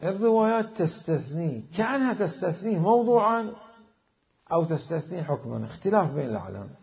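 Gravelly-voiced man giving a religious lecture. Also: sits high, sing-song, a little mellow. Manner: deliberate, poses questions and answers them himself. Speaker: religious scholar teaching. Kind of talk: classical religious jurisprudence lecture. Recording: dull lo-fi recording.

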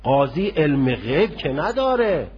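A man giving a seminary law lecture, arguing through hypothetical court cases in a lively, questioning way. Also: a little high, breathy edge, lo-fi sound. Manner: argumentative, poses hypothetical cases. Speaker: religious law teacher.

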